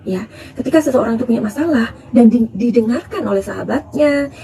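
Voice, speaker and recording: A woman's voice: fairly high pitch, expressive, brisk, vocal fry, warm tone. A middle-aged woman reading tarot cards in a chatty, advising way, calling her listeners "dear". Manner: chatty, calls listeners "sayang", counsel-giving. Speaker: tarot reader.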